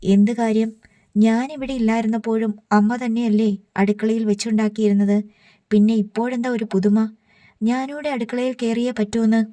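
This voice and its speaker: A woman's voice: fairly high pitch, little pitch movement, normal speed, mellow, no echo, studio quality, lightly acted. A woman reading the lines of a sulky, defiant young daughter arguing with her father. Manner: sullen, defiant.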